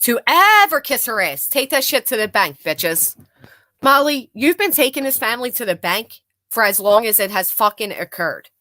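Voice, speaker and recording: Sing-song and a little high, her voice has a sharp edge, moves at a normal speed and comes through dry. She's a sarcastic, outspoken streamer who reacts to clips with mockery, answers chat and swears liberally.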